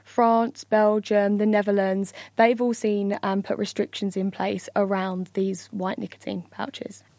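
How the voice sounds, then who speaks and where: A woman's voice: medium pitch, flat delivery, a little slow, darkish tone, dry recording. A woman, a health reporter, explaining things in a chatty way with fillers in a studio interview. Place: radio studio.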